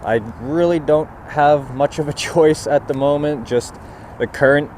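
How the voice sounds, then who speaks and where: A man's voice: on the high side, a little slow, a little mellow. A young man chatting casually on a boat on a river, cold and easygoing, a bit self-deprecating. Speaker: fishing vlogger. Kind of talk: casual outdoor vlog. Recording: outdoor recording with wind noise. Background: wind and outdoor ambience.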